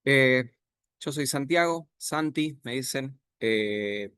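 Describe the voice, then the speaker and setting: A man in his thirties from Argentina with an Argentine accent, giving a relaxed online presentation over a video call with many filler pauses. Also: mid-range voice, smooth, dry recording, clean studio sound. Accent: Argentine Spanish. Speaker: guest speaker, software architect.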